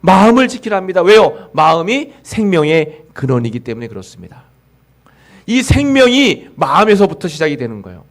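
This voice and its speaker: Male pastor, sermon delivery, slightly raised pitch, earnest, builds to emphatic exhortations. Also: big pitch swings, normal speed. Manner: earnest preaching, rising emphatic exhortations, acts out quoted voices. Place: church sanctuary.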